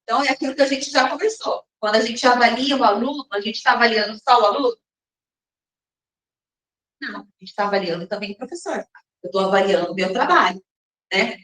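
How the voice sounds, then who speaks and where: A woman teacher explaining step by step in a recorded lesson, often checking in with her listeners and reading some passages slowly. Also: on the high side, a bit bright. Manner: slows down and reads some passages slowly, as if from a text. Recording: roomy echo, mic at a distance.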